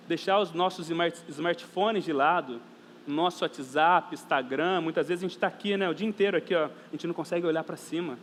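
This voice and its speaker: A man with a Brazilian Portuguese accent preaching a sermon as pastor, earnest and emphatic, repeating phrases for stress and addressing the congregation as brothers and sisters. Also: on the high side. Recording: reverberant church hall, faint background noise.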